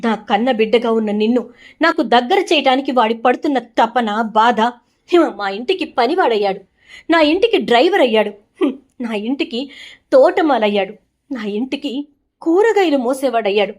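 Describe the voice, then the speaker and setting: A firm, reproachful middle-aged mother, voiced by a woman narrator speaks in a high voice. She scolds in a cutting, emphatic way, a stern storybook parent laying down the truth. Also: lively intonation, normal speed.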